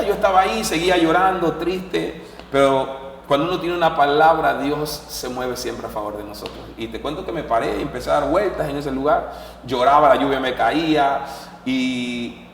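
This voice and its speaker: A man, a pastor giving an animated testimony in an interview and acting out the voices of the people in his story. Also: on the high side, roomy sound, big-room sound, distant mic, a little hiss or hum.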